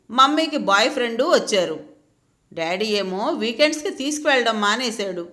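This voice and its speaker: A woman's voice: a little high, sharp tone. A woman doing a tearful little boy. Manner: childlike, pleading, sobbing speech.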